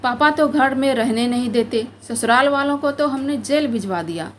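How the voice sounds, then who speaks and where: A woman's voice: high-pitched, moderate pace, slight background noise, lightly acted. A woman voicing a spoiled young married woman who complains and pleads in a spoken story. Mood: upset.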